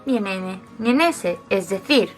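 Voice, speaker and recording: A woman narrates a scripted lesson as a teacher and explains each point clearly, step by step. She speaks slowly and carefully. Faint music plays underneath her voice. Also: mid-range voice, expressive.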